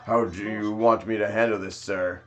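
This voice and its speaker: A man voicing a gruff, loyal male bodyguard, reading game dialogue aloud in a low, firm tone. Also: fairly even intonation, normal speed, fairly bright tone, faint music behind, lightly acted. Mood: stern.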